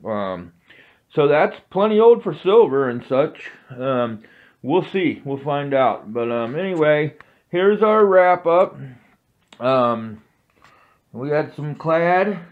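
A man hosting a metal detecting vlog, rambling casually to viewers with many pauses and ums. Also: on the high side, very animated, phone-quality sound. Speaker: metal detecting channel host. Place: outdoors on a grassy course, then an indoor home office.

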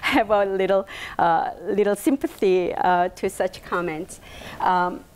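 A Korean woman in her fifties with a Korean accent, invited to speak, gives a personal talk to an audience in a bright indoor meeting room. Her mid-range voice moves at a measured pace, hesitant and full of fillers, with animated hand gestures. There's slight background noise.

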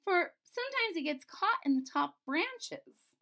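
A woman voicing a sick little girl princess in a storybook, speaking softly and weakly with a childlike lilt. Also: extremely high pitch, big pitch swings, measured pace, voice pushed up, heavily acted. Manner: soft, weak, with a childlike lilt.

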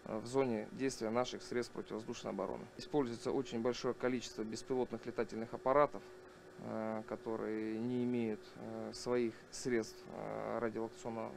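Gravelly, halting military man. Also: lowish voice, flat delivery. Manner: measured, formal, halting. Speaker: air defence officer. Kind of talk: explanatory interview. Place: small military command post room.

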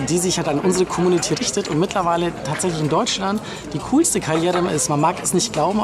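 A man from Bavaria, speaking enthusiastically in a casual interview on an outdoor terrace. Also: a little high. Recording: noisy outdoor fair.

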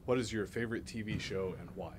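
A man off camera reading interview questions in a brisk, plain way. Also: lowish voice, slight background noise.

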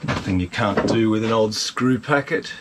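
A man's voice: lowish voice, moderate pace. A middle-aged man giving casual, hands-on repair commentary in a wry, understated, self-deprecating way. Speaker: host, DIY outboard mechanic. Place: open-sided cluttered workshop. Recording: noisy workshop audio with clicks and clanks.

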